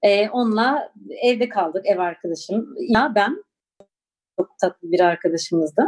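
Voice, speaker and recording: A woman in her forties from Turkey recounts her own past, speaking thoughtfully with frequent pauses and fillers. Her voice sits in a middle register. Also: mid-range voice, a little mellow, slightly rough. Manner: reflective, hesitant, with frequent fillers. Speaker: interviewee. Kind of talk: personal recollection.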